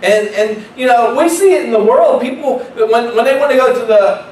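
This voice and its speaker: A man's voice: extremely high pitch, normal speed, darkish tone, echoey room, recorded from a distance, slight background noise, poor audio. A man preaching as pastor in a church, in a conversational style that repeats phrases and asks the congregation questions. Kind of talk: sermon. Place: church sanctuary.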